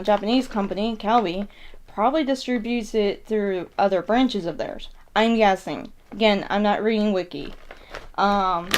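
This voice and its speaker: A woman's voice: medium pitch, darkish tone, smooth. A woman hosting a casual snack-tasting vlog, rambling as she thinks aloud and corrects herself mid-thought. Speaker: mukbang host reviewing snacks. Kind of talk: casual vlog chat to viewers.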